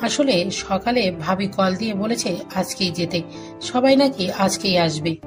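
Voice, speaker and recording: A woman playing a gentle coaxing aunt. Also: mid-range voice, unhurried, close to an everyday voice. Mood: caring. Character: kindly aunt who cooks for her nephew. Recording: music bed underneath.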